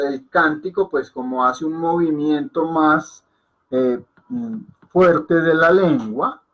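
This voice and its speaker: A man teaching a class, explaining patiently and repeating words slowly, often checking with "ok?". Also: a little high, muffled recording. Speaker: Hindi teacher.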